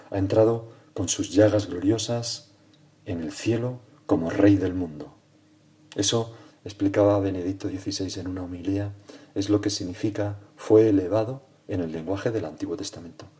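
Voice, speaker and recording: A priest leading a prayerful spoken meditation, speaking directly to the Lord and often dropping to hushed tones. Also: male voice, low voice.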